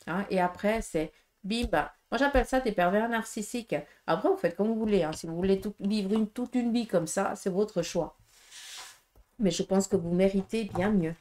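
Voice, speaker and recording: A woman's voice: medium pitch, normal speed, darkish tone. A Swiss French woman gives a casual tarot reading, speaking straight to her viewers. She is frank and direct, leaning on fillers and asking "okay?" often. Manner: direct, frank, many fillers and tag questions. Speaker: tarot reader.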